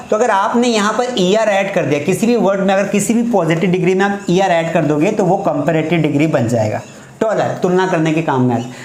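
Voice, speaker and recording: A male teacher giving a casual grammar lesson, explaining slowly and repeating key words as quiz questions. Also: sits high, a little mellow. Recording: echoey room, faint background noise.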